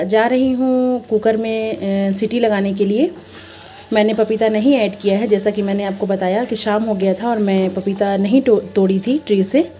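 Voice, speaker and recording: Chatty woman cooking, mellow voice. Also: mid-range voice. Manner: chatty, addresses viewers as friend, step-by-step explaining. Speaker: cooking channel host. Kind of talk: casual cooking demonstration. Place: home kitchen at the stove. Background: frying and sizzling from the pan.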